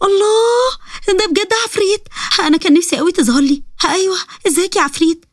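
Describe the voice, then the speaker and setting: A woman's voice: very high-pitched, fast talker, no echo, studio quality, voice pushed up. A woman with an Egyptian accent voicing a vain, giddy teenage girl who squeals and admires herself. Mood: thrilled. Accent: Egyptian Arabic.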